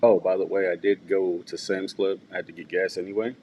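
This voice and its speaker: Deep-voiced man telling laid-back stories. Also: fairly even intonation, fairly quick, darkish tone, slight background noise, low-quality recording. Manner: laid-back storytelling, chuckles often. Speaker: radio show co-host. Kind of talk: casual chat.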